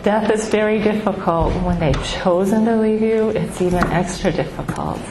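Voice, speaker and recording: A middle-aged woman gives heartfelt personal testimony at a grief support gathering, halting, with many ums and restarts. Her medium-pitched voice is soft and small, and she calls it baby-like. The hall is echoey and noisy.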